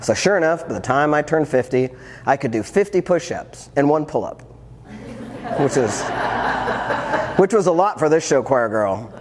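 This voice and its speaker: Man, 50s, coach and speaker, reflective storytelling, a bit high-pitched, in a reverberant hall. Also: animated, normal speed, pauses often, very noisy. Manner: earnest, reflective, with wry humor. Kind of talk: personal storytelling talk. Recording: long hall reverb, faint ambience.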